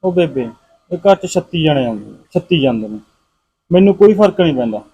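A surly young drinker. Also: male voice, a little high, big pitch swings, brisk, warm tone, breathy edge, dull audio, full character voice. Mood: defiant. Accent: Punjabi. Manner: curt and defiant. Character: surly young drinking husband, defiant and rude. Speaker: husband and son. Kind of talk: short film drama acting.

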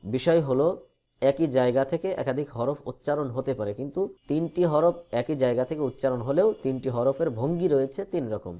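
A man leads a recorded Quran lesson. He explains each letter calmly, with the patience of a teacher, and stretches out the drilled sounds in a steady, mid-range voice. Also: medium pitch, brisk.

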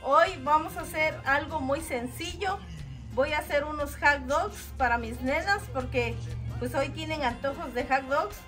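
A middle-aged woman hosting a casual cooking video, greeting viewers in a bright, affectionate sing-song way. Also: high voice. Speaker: host of a home cooking video. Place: outdoor covered backyard kitchen.

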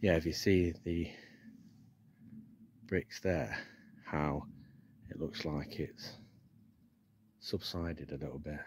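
This ghost-hunting commentary comes from an English man in a churchyard and church porch, shot on a handheld phone camera. He speaks slowly in a rumbling low voice, a little mellow and fairly even, with frequent pauses, and slight background noise is present. Firm calls to the spirits give way to plain musings on the building.

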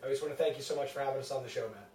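A man in his twenties, a band's singer, answering interview questions in a quick, jokey way. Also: medium pitch, darkish tone. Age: 20s. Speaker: band singer being interviewed. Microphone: far camera. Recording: echoey room, far from the mic.

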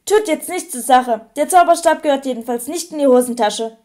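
A woman voicing a gruff, suspicious old male wizard who growls bluntly in an audiobook reading. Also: high-pitched, fairly quick, dark tone, lightly acted.

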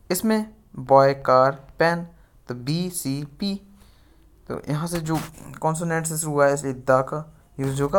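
A man teaching English grammar in Hindi, with an Indian accent, reading out example sentences slowly and deliberately. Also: on the high side. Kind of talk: classroom lecture.

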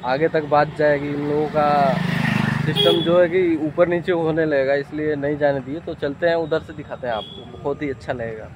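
A chatty young vlogger talks directly to viewers while walking outdoors by a highway and fields, his phone at arm's length. He has a voice on the high side, a steady tone and normal speed. It's dull, lo-fi phone audio with a faint outdoor background.

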